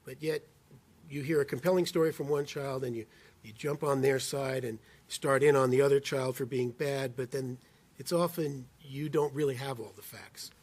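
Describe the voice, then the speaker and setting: A man on a discussion panel giving advice on conflict, speaking deliberately and slowing down to stress key words. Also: medium pitch, fairly even intonation, darkish tone.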